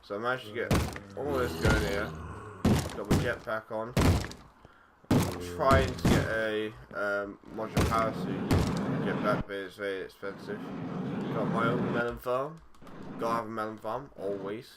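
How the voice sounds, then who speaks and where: Rambling young gamer, noisy recording. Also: male voice, lowish voice, fairly even intonation, moderate pace. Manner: rambling, easygoing, frequent fillers and self-corrections. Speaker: gaming YouTuber. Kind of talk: casual let's-play commentary. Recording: loud background noise with game clicks.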